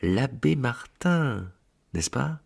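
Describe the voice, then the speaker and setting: A man's voice: medium pitch, sing-song, very slow, vocal fry, breathy edge, voice pushed up, exaggerated voice. A man voicing a solemn male angel who keeps the great book, speaking formally with a raised voice. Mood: questioning. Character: solemn male angel keeping heaven's ledger.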